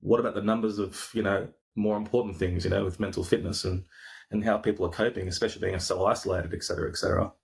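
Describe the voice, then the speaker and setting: An Australian podcaster and coach chats on a video call for a casual interview, laid-back and rambling with lots of fillers and restarts. His voice sits on the low side with a steady tone, fast pace and vocal fry.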